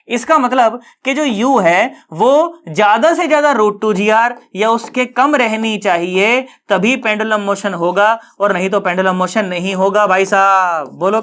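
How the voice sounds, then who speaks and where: A man's voice: high-pitched, moderate pace, few pauses, a bit bright, clean tone. A male physics teacher giving an online lesson. He talks colloquially and jokes, mixes in English physics terms, and keeps asking students whether they have understood.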